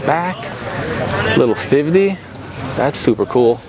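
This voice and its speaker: A man's voice: medium pitch, expressive, takes it slowly. A man hosting a casual vlog, talking in an enthusiastic, slangy way. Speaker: host. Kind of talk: casual vlog chat and commentary. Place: outdoors at a truck show. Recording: outdoor event with crowd chatter.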